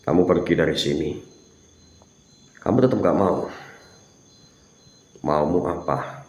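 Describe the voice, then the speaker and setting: A man vlogging a ghost hunt in an empty house, giving loud, commanding orders to a spirit and dropping now and then to a hushed whisper. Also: low-pitched, slow. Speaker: paranormal ghost-hunting vlogger. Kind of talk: confrontational ghost interrogation. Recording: echoey empty room, faint ambient noise.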